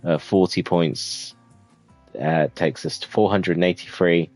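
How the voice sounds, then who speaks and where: A man casually commentating his own racing management game, relaxed and rambling with many fillers. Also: deep voice, unhurried, no room sound, faint music behind. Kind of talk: casual let's-play commentary.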